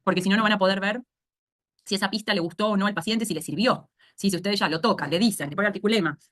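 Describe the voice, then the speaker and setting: A woman with a Rioplatense Spanish accent talks fast in a medium-pitched, fairly bright voice. She is a speech therapy instructor teaching an online course, explaining things step by step and often checking understanding with "¿sí?".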